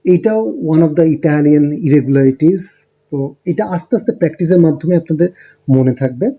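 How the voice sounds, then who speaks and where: A man teaching a beginner language lesson, explaining step by step with frequent ums and pauses. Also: fairly high pitch, mellow, slightly rough, lo-fi sound. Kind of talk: lesson narration over slides.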